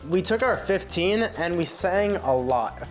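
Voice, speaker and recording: A man's voice: high-pitched, lively intonation, unhurried, low-quality recording. Young guy hosting a diy game show, goofy, stumbles on his words, music behind. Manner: goofy, self-amused, stumbling over words. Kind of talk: playful casual hosting.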